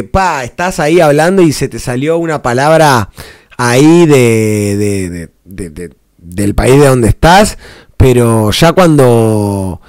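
A man's voice: medium pitch, a little mellow, no echo. A man with an Argentine accent, hosting a reaction video in a casual, rambling way, heavy on slang and restarts. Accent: Argentine Spanish. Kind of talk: casual commentary.

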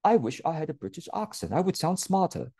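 In a small indoor room at home, a Californian man in his late forties coaches listeners on business in a casual, direct, conversational way with informal emphasis. His fairly high voice has big pitch swings, a slightly fast pace, a dark tone and a breathy edge, and the wired earphone headset on his webcam yields a clean studio sound with no room noise.

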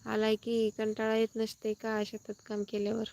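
A woman chats casually on a live stream from her farm field, her voice dark and mellow with a gravelly edge. She talks in a flat, even tone, thanking viewers one by one, while crickets and insects hum outdoors around her phone. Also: on the high side, moderate pace. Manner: reads out comments and thanks viewers, chatty.

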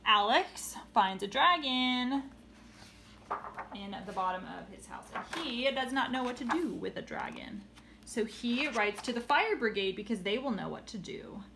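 A woman's voice: fairly high pitch, animated, moderate pace, gravelly, noisy background. A young woman showing children's books in a casual way, chatty, and playfully reading lines aloud. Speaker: children's book seller. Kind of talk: casual book showcase. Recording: roomy echo.

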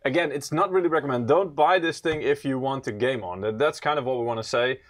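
A man co-hosting a casual livestream, relaxed and teasing, often restarting his words. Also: mid-range voice, fast talker. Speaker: co-host.

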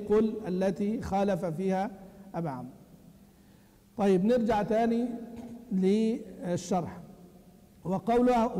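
High mellow teacher in reverb. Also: male voice. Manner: quizzes students with questions, chants verses slowly. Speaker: Quran recitation teacher. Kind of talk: classroom lesson explaining a text. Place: large mosque hall. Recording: long hall reverb.

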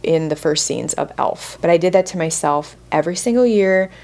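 A woman's voice: deep voice, moderate pace, a little mellow. A woman in her forties hosting a podcast, telling a personal story in a candid, heartfelt, casual way. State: close to tears at moments. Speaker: podcast host.

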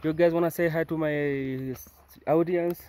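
A man's voice: fairly high pitch, fairly even intonation, unhurried, a little mellow. A man hosting a casual travel vlog outdoors on a forest trail, friendly and chatty, asking questions into a phone held at arm's length. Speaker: vlogger and tour guide.

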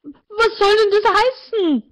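A woman voicing an upset young woman in a book reading, agitated and shouting at high pitch. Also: fairly even intonation, moderate pace, natural voice. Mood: disbelieving. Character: upset young woman, rising from shy to furious. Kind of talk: author reading aloud.

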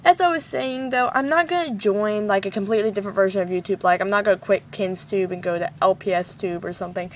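A woman's voice: mid-range voice, fast, hardly any pauses. Bubbly teen girl vlogger with a cold. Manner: bubbly, chatty, wearing a retainer. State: slight cold, sore throat. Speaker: toy unboxing vlogger. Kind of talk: casual chat to camera. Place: home, cars passing outside. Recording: mic a bit distant, faint street noise.

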